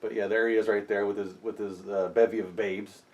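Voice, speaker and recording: A man co-hosting a casual vlog, chatting excitedly about flea market bargains. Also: on the low side, fairly quick, lo-fi sound. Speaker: co-host. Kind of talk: casual chat.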